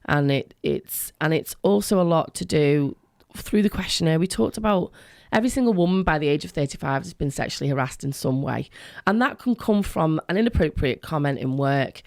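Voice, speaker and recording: Creaky-voiced woman, earnest radio guest. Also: deep voice, expressive, a little fast, darkish tone, no echo, clean studio sound. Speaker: education worker, interview guest. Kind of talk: conversational radio interview.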